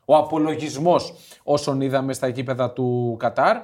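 A man's voice: mid-range voice, fairly even intonation, darkish tone. A man co-hosting a casual football podcast chat, playful and joking, often stumbling and repeating words. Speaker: podcast co-host.

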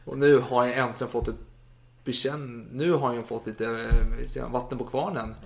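A man's voice: mid-range voice, vocal fry. Chatty man retelling history. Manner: animated retelling with acted quotes and laughs. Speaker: podcast co-host storyteller. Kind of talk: casual history chat.

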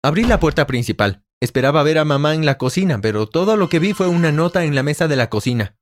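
A man narrating a first-person story in a plain, brisk storytelling manner. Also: on the high side, animated. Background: soft music.

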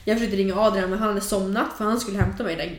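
A young adult woman telling a personal story in casual chat, animated and full of fillers. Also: mid-range voice. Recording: roomy echo.

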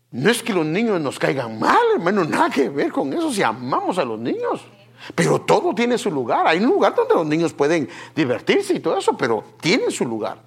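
A man preaching a sermon, talking straight to his congregation, with hushed asides that break into loud, emphatic bursts. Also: fairly high pitch, husky. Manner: addresses the congregation directly, repeating "fíjese" and "hermano". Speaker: pastor.

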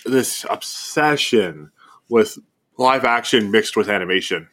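A man's voice: on the low side, takes it slowly, fairly bright tone. A man co-hosting a podcast, talking through films in a loose, rambling way with lots of fillers. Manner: rambling, many fillers and restarts. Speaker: podcast co-host. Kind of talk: casual film discussion.

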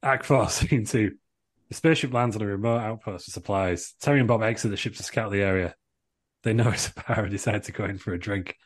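A man's voice: lowish voice, fairly quick. A man narrating a comic amateur play from a script, reading out stage directions as co-host.

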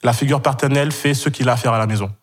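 Rapid-fire yet hesitant, a man in his twenties from Senegal, raised in Kenya, tells a personal story on a podcast. His mid-range voice stays fairly even in intonation, packed with fillers and repeated words, and he laughs frequently.

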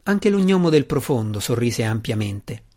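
A man reading a fantasy novel aloud as an audiobook narrator, in a steady, measured way. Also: mid-range voice.

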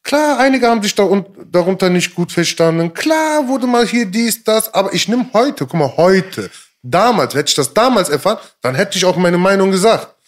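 A man's voice: sits high, expressive, moderate pace. A man, a rapper guest in a casual interview, who talks emphatically in street slang, repeats himself and keeps checking in with his listener.

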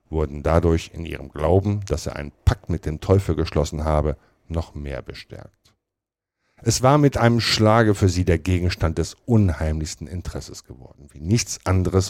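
A man reading a classic novel aloud in a measured, expressive storytelling manner. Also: sits low, dry recording, studio quality. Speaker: storybook reader.

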